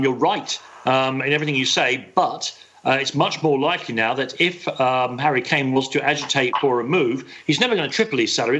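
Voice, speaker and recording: Higher-pitched man, slightly muffled. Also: pushed and bright. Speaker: podcast panellist. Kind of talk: casual football discussion. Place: remote broadcast from Ireland. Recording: slightly muffled remote connection.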